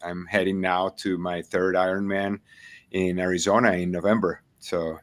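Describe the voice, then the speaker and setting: A man's voice: sits low, level tone, normal speed. A middle-aged man from Venezuela, a triathlon coach and guest, chatting casually with frequent fillers, restarts and easy laughter. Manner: hesitant, many fillers and restarts, laughs easily. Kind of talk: casual interview chat.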